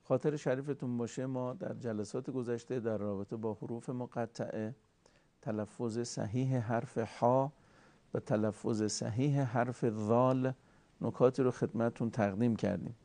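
A man giving a formal recitation lesson, courteous and deliberate, slowly drawing out sounds to show how they are made. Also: mid-range voice, fairly even intonation, dark tone, no echo. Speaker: Quran recitation teacher.

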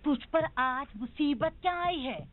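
Dubbed TV drama: indignant, insistent scolding mother, high voice, tinny phone-like sound. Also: animated, unhurried. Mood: stern.

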